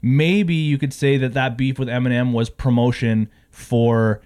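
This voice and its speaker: A man's voice: mid-range voice, steady tone, a little slow, darkish tone, clear, resonant tone. A young man co-hosting a casual podcast chat, rambling with lots of restarts and fillers. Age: young adult. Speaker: podcast co-host.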